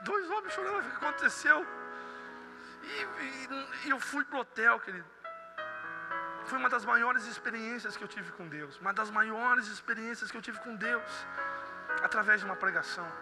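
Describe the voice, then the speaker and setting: Man, preacher, high voice, long hall reverb. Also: normal speed, gravelly, music in the background. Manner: storytelling, building to impassioned shouting. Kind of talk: sermon. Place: church service.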